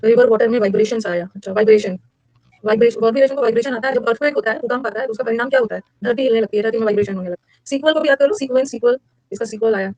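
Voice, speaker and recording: Fast-talking energetic woman teacher. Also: no room sound. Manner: energetic, repetitive, with sudden high-pitched emphasis. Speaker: English vocabulary teacher. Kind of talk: classroom lecture drilling vocabulary with mnemonics. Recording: dull lo-fi dry recording.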